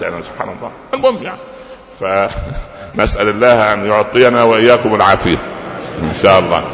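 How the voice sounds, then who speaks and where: A man's voice: mid-range voice, fairly bright tone. A man with an Egyptian Arabic accent giving a sermon, telling stories with rhetorical questions and humorous asides. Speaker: preacher. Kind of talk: sermon lecture. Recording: echoey hall, lo-fi with faint noise.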